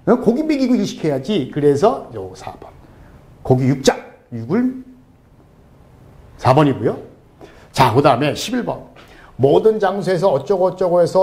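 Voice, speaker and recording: Man, middle-aged, online tutor, playful and joking, lively swinging pitch, fairly high voice. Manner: playful, joking, talks to viewers directly. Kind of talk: casual screen-share lesson.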